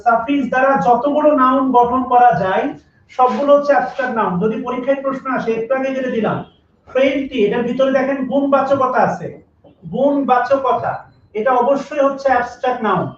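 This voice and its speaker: A man with a very high voice teaches grammar in a live online class, going over each rule again and again and asking the students to check in. He sounds set back from the mic in an echoey room, and the audio is dull and lo-fi. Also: fairly even intonation, brisk, recorded from a distance. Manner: repetitive, drills rules and asks students to comment.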